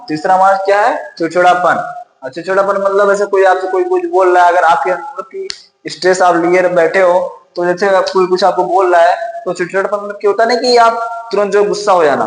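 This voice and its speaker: A man teaching a lesson, repeating key points and asking and answering his own questions. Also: high voice. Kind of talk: classroom-style lecture. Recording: roomy echo with long reverb.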